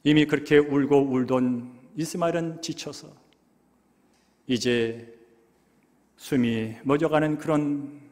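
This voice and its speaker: A male pastor preaching an emotive sermon in a church, moving between hushed and loud passages. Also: a little high, steady tone, slow, pauses often. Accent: Korean. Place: church sanctuary. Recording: long church hall reverb.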